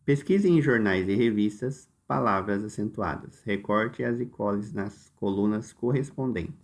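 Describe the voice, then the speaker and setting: A man with a Brazilian Portuguese accent teaching a recorded lesson, explaining exercises slowly and step by step, directly addressing his students. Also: on the low side. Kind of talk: recorded lesson walking through workbook exercises.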